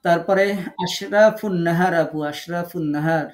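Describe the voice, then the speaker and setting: A man's voice: high voice, a little slow. A man teaching Quran recitation in an online class, calling on students and patiently repeating syllables for them.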